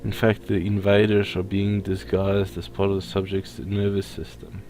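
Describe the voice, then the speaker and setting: A man does casual let's play commentary, reading on-screen text aloud and tripping over technical words. His voice is low with a completely flat delivery, normal speed, and a darkish tone. Faint video game music plays in the background.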